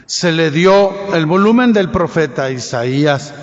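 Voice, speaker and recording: Priest with a cathedral echo. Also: male voice, on the high side, lively intonation. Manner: formal, measured proclamation. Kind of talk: liturgical Gospel reading at Mass. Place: large church. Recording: long church reverb, dull lo-fi sound.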